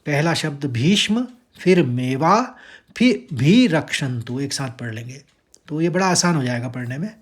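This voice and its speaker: Slow, patient Indian man teaching verse recitation. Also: fairly high pitch, expressive. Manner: slow, drawn-out chanting of verses, patient step-by-step explanation. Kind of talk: teaching Sanskrit verse pronunciation.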